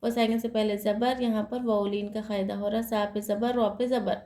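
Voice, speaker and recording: A woman's voice: medium pitch, flat delivery, moderate pace, warm tone, echoey room. A woman teaching Quran reading rules in an online lesson, explaining patiently, repeating each rule and asking and answering her own questions.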